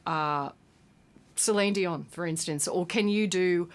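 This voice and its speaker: Halting, thoughtful woman. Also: fairly low pitch. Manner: thoughtful, halting, with frequent restarts. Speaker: guest singer. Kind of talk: casual interview chat.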